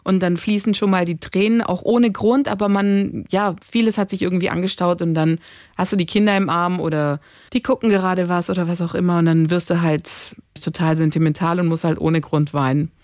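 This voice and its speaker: A woman's voice: lowish voice, brisk, no echo. Chatty mother telling stories, dry sound. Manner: animated, acts out quotes of her children. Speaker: podcast co-host, mother. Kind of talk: casual chat, storytelling.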